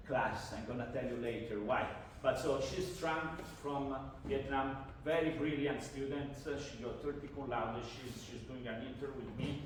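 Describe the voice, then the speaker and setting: Male professor, loose classroom delivery, distant roomy mic. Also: mid-range voice. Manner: informal, repeats words while teaching. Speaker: university lecturer. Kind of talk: classroom lecture. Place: university classroom. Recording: echoey classroom from far off with noise.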